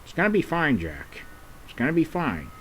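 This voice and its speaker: A man's voice: on the high side, huge pitch swings, normal speed, a little hiss or hum, rough recording. A man voicing a cheerful, trusting young male penguin in a homemade puppet drama, eager and reassuring with many fillers.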